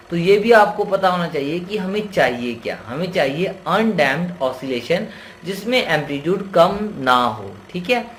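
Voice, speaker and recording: A man's voice: a little high, a little hiss or hum. A male teacher gives a casual lecture, often asking the class questions and answering them himself. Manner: repeats key terms as questions to the viewer; voices imagined student questions addressed to "sir". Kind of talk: classroom-style Hindi lecture.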